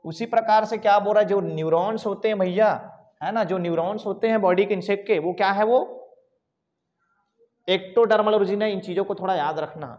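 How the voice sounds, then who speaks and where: A man's voice: high voice, moderate pace, darkish tone, muffled recording. A male coaching teacher, teaching a live online class in an informal way, asking questions and then answering them himself. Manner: repetitive call-and-response questioning; informal, calls students bhaiya and bhai. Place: coaching class, recorded over slides.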